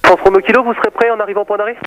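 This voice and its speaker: A man's voice: sits high, little pitch movement, rapid-fire, a bit bright, poor audio. A man giving informal, conversational air traffic control instructions over the radio. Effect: radio transmission.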